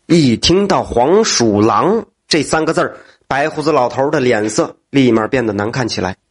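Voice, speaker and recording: A man storytelling a folk tale in an animated, exclaiming manner. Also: mid-range voice, normal speed, breathy edge.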